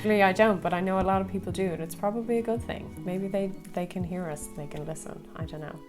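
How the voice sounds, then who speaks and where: With music playing in the background, a young woman talks at a quick pace in a medium-pitched voice. She's a plant vlogger from Ireland with a slightly American-tinged accent, answering viewer questions in a chatty, rambling Q&A as she repots, laughing lightly and using lots of fillers.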